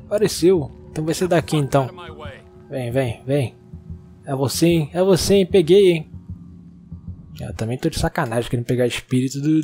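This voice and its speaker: A young man with a Brazilian Portuguese accent, excitedly narrating a video game and talking to its characters. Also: mid-range voice. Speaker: gaming YouTuber. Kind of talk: let's-play commentary.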